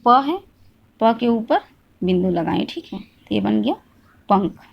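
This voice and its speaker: A woman teaching a Hindi grammar lesson. She asks the class questions, answers them herself and repeats each point slowly. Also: mid-range voice, expressive, vocal fry, husky, dull audio.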